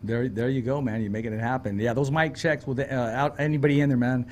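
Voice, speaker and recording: A man's voice: medium pitch, steady tone, fast talker. A man hosting a talk show, chatting casually with his guest as he interviews him.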